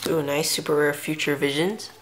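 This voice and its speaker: Young woman, low pitch, unhurried casual commentary, camera mic at home, faint background noise. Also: fairly even intonation, low-quality recording. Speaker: trading card video host. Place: room at home.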